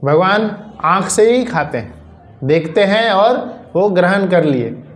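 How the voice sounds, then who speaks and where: Male preacher, storytelling sermon, fairly high voice, echoing room. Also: expressive, slow. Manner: narrative, repeats phrases for emphasis. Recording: roomy echo.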